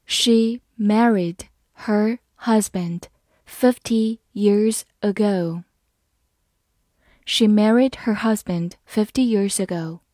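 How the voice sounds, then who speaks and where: A woman leads a scripted vocabulary lesson, spelling words out letter by letter and reading examples with care. Her voice is mellow and her pace unhurried. The recording is close and dry, with no room sound. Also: mid-range voice, no echo. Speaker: English vocabulary teacher.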